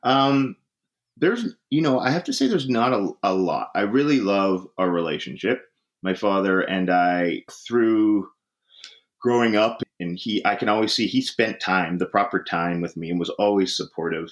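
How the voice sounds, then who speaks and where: Podcast guest: an easygoing man with a low voice, upbeat in tone. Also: expressive, normal speed. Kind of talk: casual interview talk.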